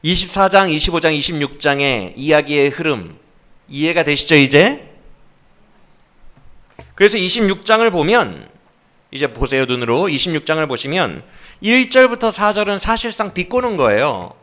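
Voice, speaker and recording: A middle-aged man preaching a sermon in a lively, animated voice that sits a little high for a man. He keeps turning to the congregation with questions and drops into sarcastic voices when he quotes others. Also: moderate pace. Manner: asks the congregation frequent questions. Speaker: pastor.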